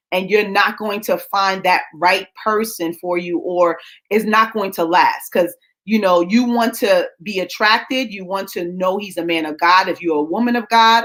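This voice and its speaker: A woman in her late thirties hosting a live show, talking casually to her viewers, animated and laughing, calling them y'all. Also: medium pitch. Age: late 30s. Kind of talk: casual livestream talk to viewers.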